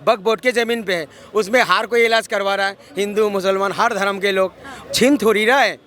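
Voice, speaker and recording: A man's voice: sits high, steady tone, a little fast, fairly bright tone. A man arguing insistently in a street interview, cutting in to be heard. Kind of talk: heated street debate. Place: outdoors on a city street. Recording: street crowd behind. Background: crowd of bystanders.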